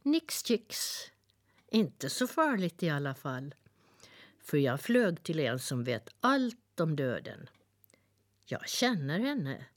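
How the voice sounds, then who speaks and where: A woman voicing a chirpy little talking nightingale from a dream world, chirping and excited as she reads a storybook aloud. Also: sits low, no room sound, clean studio sound. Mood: airy. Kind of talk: storybook reading.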